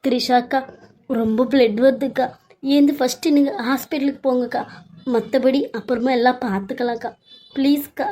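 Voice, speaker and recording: Woman playing a gentle, coaxing young woman. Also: high voice, fairly even intonation, moderate pace. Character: kind young woman coaxing her sister-in-law.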